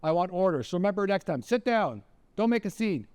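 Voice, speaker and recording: A man's voice: high voice, very animated, fairly quick, a little mellow, clean tone, dry recording, voice pushed up. A man doing a barking stern soldier. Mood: commanding. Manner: barking commands. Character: stern male soldier demanding order.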